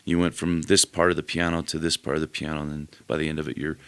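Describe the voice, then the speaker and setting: A man's voice: rumbling low, fast. A man talking about his music as a podcast guest, loose and rambling with many fillers. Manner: relaxed, rambling, full of fillers. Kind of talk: casual interview chat.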